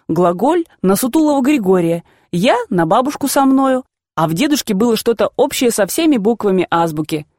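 Calm woman narrating a story. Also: mid-range voice, no room sound, studio quality. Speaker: audiobook reader. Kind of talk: scripted narration of a classic novel.

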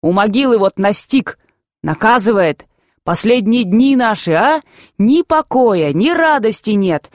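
A woman reading a stern, grumbling old grandfather who breaks into shouts, in a storybook narration. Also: mid-range voice, expressive, a little slow, no room sound, clean studio sound, pitched above the performer's own voice, close to an everyday voice. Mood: despairing.

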